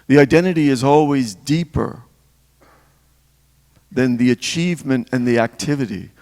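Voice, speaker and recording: Older deacon, gravelly voice, long echoey hall, slow storytelling. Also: male voice, medium pitch, darkish tone. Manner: reflective storytelling, pausing between phrases. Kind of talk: spiritual talk.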